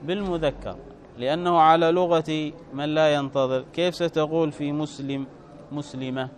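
A man teaching grammar in a fairly high voice. He talks steadily and explains each point, then checks with his listeners through rhetorical questions. The recording was made outdoors. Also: fairly even intonation, moderate pace, slight background noise. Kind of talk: classroom lesson explaining a text.

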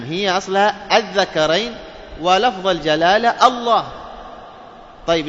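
A man teaching a recitation class, explaining step by step, asking questions and answering them himself, and drawing out sounds to demonstrate them. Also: fairly bright tone. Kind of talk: classroom lesson on tajweed. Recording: distant boomy hall, dull lo-fi, faint hiss.

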